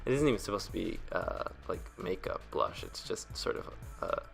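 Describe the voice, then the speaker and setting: A man giving a casual, rambling voice-over in a hesitant, self-deprecating way, with vocal fry at the ends of his phrases. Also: low voice, sing-song, a little fast, a bit bright, faint music behind. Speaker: webcomic artist and video creator.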